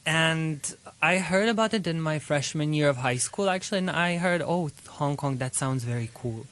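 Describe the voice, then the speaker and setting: A young man in his twenties from Serbia, a student guest telling his story in a relaxed, rambling way with many fillers. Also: a little high, normal speed. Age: 20s. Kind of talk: casual interview.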